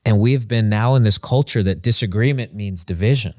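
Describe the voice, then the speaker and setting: A man's voice: fairly low pitch, a little fast, darkish tone, no room sound, clean studio sound. A man hosting a podcast as a preacher, chatting and interviewing in an informal, encouraging, slangy way. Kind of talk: casual chat and interviewing.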